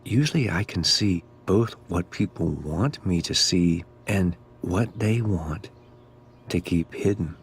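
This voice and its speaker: Slow, ominous, cryptic groundskeeper. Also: male voice, low-pitched, animated, a little hiss or hum, exaggerated voice. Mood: cryptic, probing. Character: creepy, cryptic middle-aged male school groundskeeper, gentle philosopher. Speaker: groundskeeper character. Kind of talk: video game voice acting.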